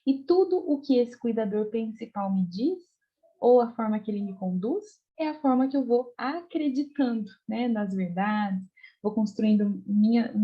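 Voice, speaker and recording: A woman's voice: on the high side, lo-fi sound. A woman guest on a podcast, explaining parenting ideas at length, often ending phrases with tag questions and acting out parents' scolding lines.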